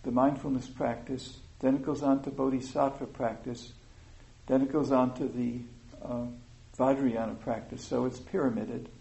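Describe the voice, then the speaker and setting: Guy teaching meditation, low mellow gravelly voice, slow with lots of uhs. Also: level tone, rough recording. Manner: slow, thoughtful, with many pauses and fillers. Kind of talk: informal dharma talk.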